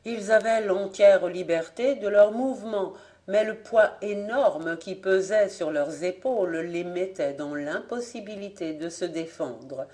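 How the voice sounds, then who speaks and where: Measured audiobook narrator. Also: medium pitch, dark tone. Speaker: audiobook reader. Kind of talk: audiobook narration of a classic novel.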